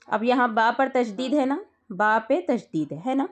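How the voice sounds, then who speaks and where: A woman teaching Quran recitation rules, explaining slowly and patiently, repeating each point and checking that her student follows. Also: fairly high pitch, lively intonation.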